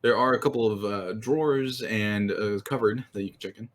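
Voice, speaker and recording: Low-voiced hesitant game master. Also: male voice, normal speed. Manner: hesitant, many ums and uhs. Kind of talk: narrating a tabletop game.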